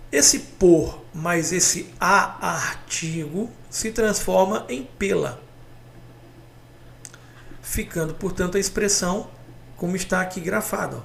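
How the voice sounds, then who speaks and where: A man with a Brazilian Portuguese accent teaches a grammar lesson on video, chatty and direct, calling viewers "galera" and pointing to examples with "ó". His high voice is expressive and gravelly, slow with frequent pauses, over a faint hiss or hum.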